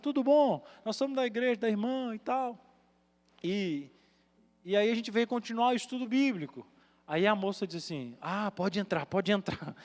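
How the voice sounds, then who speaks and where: A male pastor with a Minas Gerais accent, preaching a sermon as a dramatic story, acting out voices and swinging from loud to hushed. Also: high-pitched. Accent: Brazilian Portuguese, Minas Gerais. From Minas Gerais, Brazil. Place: large church hall. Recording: reverberant church hall with music.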